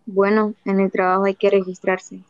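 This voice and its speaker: A woman's voice: medium pitch, normal speed, smooth, dry recording, muffled recording, natural voice. A woman voicing a weary, evasive old husband. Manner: tired, flat, dodging answers. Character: weary evasive husband of fifty-six, man. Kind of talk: audiobook dialogue reading.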